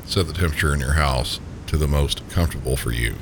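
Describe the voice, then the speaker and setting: A man with an extremely deep voice and a Southern US accent works as a sleep story narrator. He speaks gently and calmly, guiding the listener slowly toward rest. A steady, loud low rumble of noise runs behind him. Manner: calm, gentle, unhurried guiding. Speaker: sleep story podcast host. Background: low pink-noise rumble.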